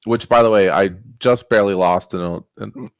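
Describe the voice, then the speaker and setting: A man's voice: lowish voice, normal speed, smooth, no room sound. A man casually explaining board game rules, rambling with many fillers.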